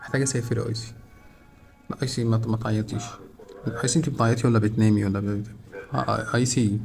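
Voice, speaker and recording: Brief: Egyptian man in his thirties, comic monologue, very quick rambling pleas over music. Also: lowish voice, steady tone, creaky. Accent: Egyptian Arabic. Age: 30s. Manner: rambling, self-pitying pleading. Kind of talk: comedic monologue to a listener.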